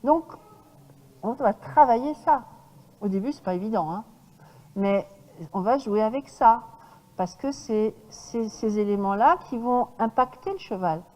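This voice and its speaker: A woman horse trainer giving a lecture to an audience, lively and demonstrative, often checking in with her listeners. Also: a little high, unhurried, big-room sound, low-quality recording.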